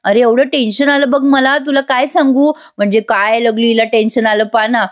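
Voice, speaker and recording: A woman acting out a high-pitched, overdramatic young woman fussing over an elderly relative. She pushes her worry loudly and insistently, and her voice rises sharply above the narrator's own. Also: steady tone, moderate pace, close to an everyday voice.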